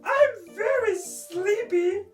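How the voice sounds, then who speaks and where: A woman's voice: extremely high pitch, extremely slow, echoey room, distant mic, faint music behind, pitched above the performer's own voice, heavily acted. A woman voicing a picky, dramatic little Goldilocks girl for a puppet storytime, exclaiming and whining. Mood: sleepy.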